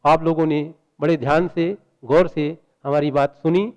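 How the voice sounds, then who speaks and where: A man lecturing to students, his voice pitched high for a man. He works through one example after another and poses rhetorical questions. A long reverb trails behind his words. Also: fairly even intonation, unhurried, a little mellow. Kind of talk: university lecture on language.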